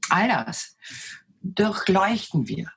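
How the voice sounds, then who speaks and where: A woman with a deep, low, husky voice, speaking with self-assurance as a coach answering interview questions. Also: big pitch swings, drawn-out words, a bit bright, a little hiss or hum. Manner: self-assured, dominant presence. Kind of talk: conversational interview answers, storytelling.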